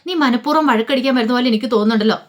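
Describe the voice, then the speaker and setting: Give me an insistent, pleading husband, fast-spoken, read by a woman storyteller. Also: a little high, voice pushed up, lightly acted. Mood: pressing. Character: Vikram, a man questioning his wife.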